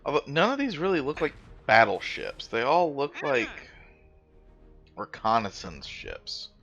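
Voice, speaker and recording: A man's voice: medium pitch, huge pitch swings, measured pace, gravelly, fairly bright tone. A man hosting a gaming video, teasing his brother with playful, sing-song commentary as they play. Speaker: gaming channel host. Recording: slightly dull audio with faint music.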